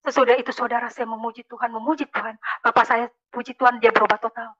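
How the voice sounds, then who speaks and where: A woman from Makassar, Indonesia, gives a religious conversion testimony, telling her story with emphasis and frequently calling out to her listeners. Her voice is fairly high, level and fairly bright, and she talks fast, though the audio sounds dull.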